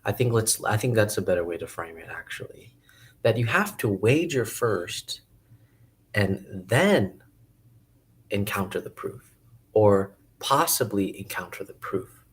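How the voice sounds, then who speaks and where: A man musing casually to camera about philosophy, hesitant and thinking aloud with many pauses and restarts. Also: on the low side, animated. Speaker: video essayist.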